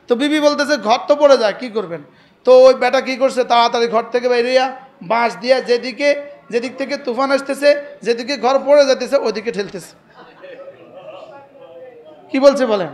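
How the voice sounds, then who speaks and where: A man from Bangladesh with a Noakhali accent, preaching a sermon, telling anecdotes and getting the crowd to repeat his lines back. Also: extremely high pitch. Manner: call-and-response, asks crowd to repeat, tells anecdotes.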